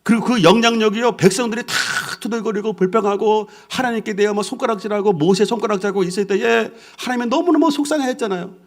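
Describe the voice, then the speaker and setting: A male pastor preaching a sermon in an animated way, acting out the voices of the people in his stories. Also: high-pitched, fast talker, hardly any pauses. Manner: animated, acts out quoted voices.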